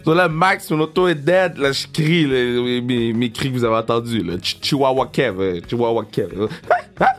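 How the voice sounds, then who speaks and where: A man in his thirties with a Québécois French accent, telling a casual, excitable story and swearing, with English words mixed in. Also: medium pitch, normal speed, soft background music. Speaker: vlogger.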